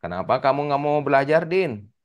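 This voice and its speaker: A man's voice: mid-range voice, lively intonation, fairly quick, clear, resonant tone, natural voice. Man playing a coaxing, questioning religious teacher.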